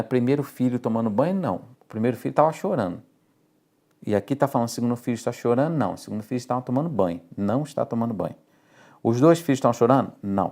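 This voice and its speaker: A Brazilian man teaches logic for exam prep in a low, dark voice. He walks through each step and keeps checking that his students follow. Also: creaky. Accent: Brazilian Portuguese. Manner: explains step by step, often checks in with "ok?" and "tá?".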